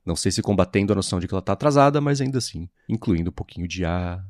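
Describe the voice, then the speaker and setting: A man co-hosting a podcast, explaining things in a measured way in casual tech chat. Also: sits low, animated, darkish tone, dry recording, clean studio sound. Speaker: podcast co-host.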